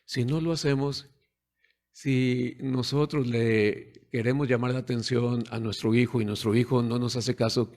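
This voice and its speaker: A man's voice: mid-range voice, steady tone, a little slow, a little mellow. A man preaching a sermon in a conversational way, putting rhetorical questions to the congregation and acting out the voices of parents and children.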